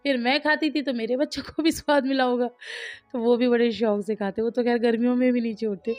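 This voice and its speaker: A woman in her thirties, a mother chatting quickly and warmly with viewers while cooking in her home kitchen. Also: on the high side, steady tone, faint music behind. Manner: fast, talkative, laughing asides. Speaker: vlogger, mother. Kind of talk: casual chatty home vlog.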